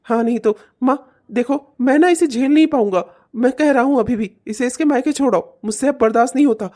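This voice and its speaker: A woman's voice: high-pitched, brisk, mellow. Woman voicing a hot-tempered cartoon husband. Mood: complaining. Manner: angry, threatening. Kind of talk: cartoon voice acting.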